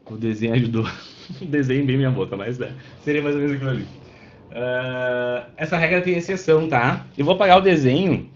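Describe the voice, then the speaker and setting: A man's voice: mid-range voice, a little fast. A man teaching a Portuguese class who explains step by step, checks often that students follow and answers them by name. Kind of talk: online class lecture. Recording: roomy, dull lo-fi sound.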